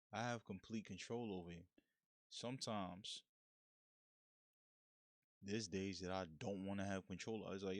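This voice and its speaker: A man hosts his own podcast in a relaxed, slangy monologue, speaking frankly and plainly. His voice sits on the low side, and the sound is dry and close with no room around it. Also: no echo. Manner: frank, slangy, laid-back street talk. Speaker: podcast host. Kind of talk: casual solo monologue.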